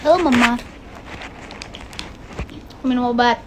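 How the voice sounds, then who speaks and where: A woman's voice: a little high, slow pace. A young adult woman chatting casually with viewers and family in a home vlog. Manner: chatty, greets viewers brightly. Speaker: vlogger. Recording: noisy home video recording.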